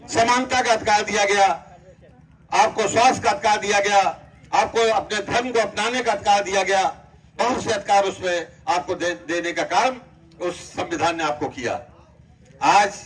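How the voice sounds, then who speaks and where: A man with a high-pitched voice delivers a declamatory public speech, calling out to the crowd as brothers. He sounds somewhat distant from the microphone. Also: a bit bright. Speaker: political speaker.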